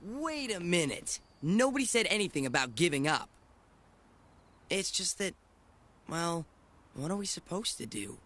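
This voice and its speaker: A man's voice: high-pitched, big pitch swings, unhurried, long pauses, a bit bright, full character voice. An actor playing a cynical, mocking young male student in a dubbed drama, sarcastic and blunt. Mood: skeptical. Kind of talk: dramatic dub acting.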